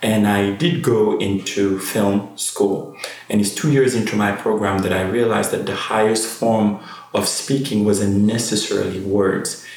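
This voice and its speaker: A man's voice: on the low side, fairly even intonation, a little slow, darkish tone. A man, a fashion designer, speaks reflectively in an interview, searching for his words. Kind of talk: interview conversation. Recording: echoey room, voice from far off the mic.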